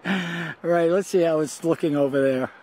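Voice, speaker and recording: An older man chatting casually to his handheld camera outdoors on a rocky beach, relaxed and talking to his dog now and then. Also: on the high side. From Scotland. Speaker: vlogger. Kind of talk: casual hiking vlog to camera. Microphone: camera held at arm's length.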